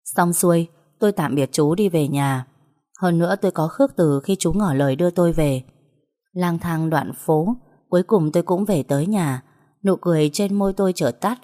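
Woman, first-person story narration, soft earnest reading, lowish voice. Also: moderate pace.

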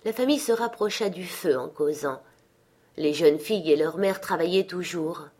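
A woman reads a classic novel aloud in calm, measured audiobook narration. Her voice sits fairly low for a woman. She keeps a steady storybook pace throughout. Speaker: audiobook reader.

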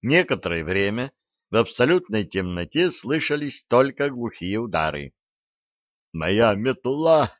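A man reading a fantasy audiobook in a measured, expressive narration, in a dull, dry recording. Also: lowish voice, no echo.

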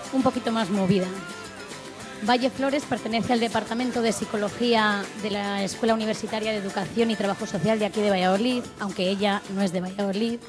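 A woman introduces speakers at a round table. She talks haltingly and restarts as she searches for words. Music plays clearly behind her voice. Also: a little high.

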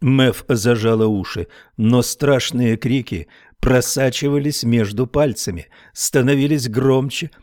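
Male audiobook narrator, mid-pitched voice, steady storytelling, dry close recording. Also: unhurried, few pauses, no echo.

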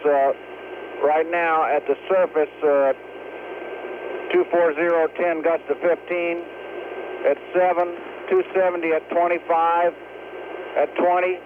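A man's higher-pitched voice comes through a narrow, heavily noisy walkie-talkie radio link. He sounds like a pilot reporting in, casual in his phrasing and terse with figures. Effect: radio transmission. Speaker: pilot flying a weather check. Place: aircraft in flight.

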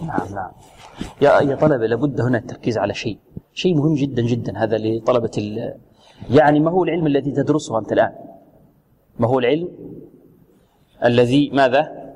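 A man teaching Quran recitation to students, questioning them constantly and demonstrating pronunciation with slow, drawn-out examples. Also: mid-range voice, warm tone, slight background noise. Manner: questioning, drills students with repeated prompts. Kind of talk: tajweed lesson with students. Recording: long reverb, radio broadcast.

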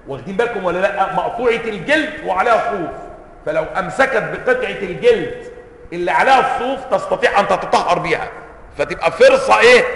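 Egyptian sheikh lecturing in an echoey hall. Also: male voice, high voice, a bit bright. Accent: Egyptian Arabic. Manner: asks students rhetorical checking questions; reads quotations in a raised, emphatic voice. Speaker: sheikh teaching hadith commentary. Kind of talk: classroom lecture reading and explaining a text. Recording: roomy hall reverb.

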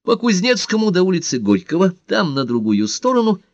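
A man's voice: high-pitched, sing-song, fairly quick, a little mellow, no echo, pitched above the performer's own voice. A man voicing a polite, slightly embarrassed middle-aged man making a phone call in an audiobook. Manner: polite, apologetic.

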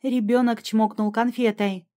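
A woman narrating a fantasy audiobook in the first person, in an even, measured way. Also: fairly high pitch.

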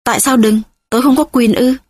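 A shrill, spiteful middle-aged wife spits scorn and threats in a storybook reading, as a woman narrator puts her on. Her voice climbs high and loud, with a husky, breathy edge. The recording is dry and close. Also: steady tone, brisk, no echo. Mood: enraged. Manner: shrill, scornful, shouting insults.

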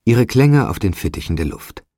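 A man voicing a hushed, mysterious spirit child guide. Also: lowish voice, very animated, moderate pace, dry recording, clean studio sound, voice pushed up. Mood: calm. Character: mysterious little spirit girl, quiet guide. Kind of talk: audiobook character voice.

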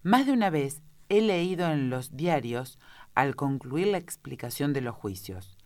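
A woman voicing a curious young girl in a storybook, quietly musing to herself. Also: low voice, big pitch swings, a little slow, no echo.

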